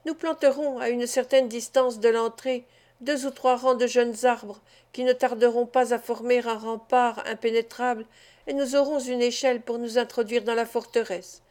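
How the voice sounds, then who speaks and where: A woman's voice: fairly high pitch, steady tone, moderate pace, darkish tone, natural voice. A woman reading the part of an eager, inventive teenage boy in an audiobook.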